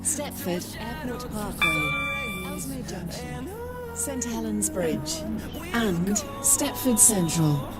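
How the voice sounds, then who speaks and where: A woman's voice: medium pitch, animated, takes it slowly, over loud music. Woman's spliced-together platform announcement. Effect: spliced-together recorded announcement words. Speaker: platform announcer in a video game.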